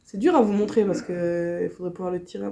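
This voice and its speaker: A woman's voice: fairly low pitch, fairly even intonation, fairly quick, gravelly, warm tone. A woman from Switzerland with a Swiss French accent, chatting casually in a crafting vlog, her nose stuffed up from a cold. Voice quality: nasal. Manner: chatty, laughs often, many fillers. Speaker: crochet vlogger. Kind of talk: casual chat.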